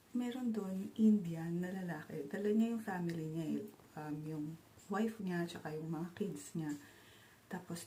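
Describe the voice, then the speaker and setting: A woman's voice: lowish voice, dark tone, slight background noise. A woman from the Philippines, telling her story in a casual vlog, chatty and switching between languages with many fillers. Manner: chatty, mixes Tagalog and English, frequent "and then" fillers. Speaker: travel vlogger.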